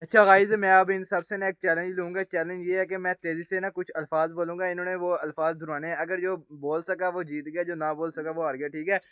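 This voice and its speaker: A young man hosting a casual night-walk vlog with friends, chatty, teasing and excitable. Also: high-pitched, brisk, few pauses, smooth, no echo. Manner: excited, chatty, teasing, often repeating himself. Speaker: vlogger host. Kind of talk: casual outdoor vlog chat.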